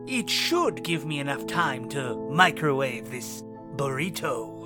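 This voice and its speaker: A man playing a theatrical, mock-sinister male horror radio host who talks in a hammy, drawn-out way. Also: medium pitch, animated, close to an everyday voice. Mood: gloating. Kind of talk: campy horror radio drama narration. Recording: music playing under the voice.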